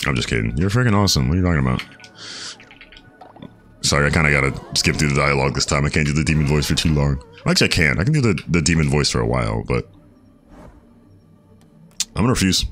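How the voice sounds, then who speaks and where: Deep-voiced man chatting through gameplay. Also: animated, fast, long pauses, faint music behind. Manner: chatty, reads chat aloud, thinks out loud. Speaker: streamer. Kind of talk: casual gameplay commentary.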